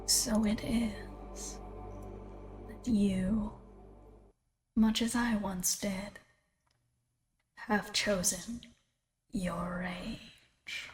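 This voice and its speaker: A woman voicing an eerie, coldly coaxing doll-faced creature in a tabletop game, in a breathy whisper with slow, theatrical phrasing. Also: medium pitch, fairly even intonation. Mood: disappointed menace. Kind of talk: tabletop game villain role-play. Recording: music behind the voice.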